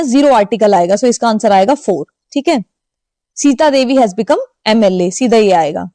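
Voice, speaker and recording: A woman teacher, reading English exam questions slowly and then explaining them quickly in Hindi. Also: high voice, mellow, no echo. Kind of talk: exam-prep lesson.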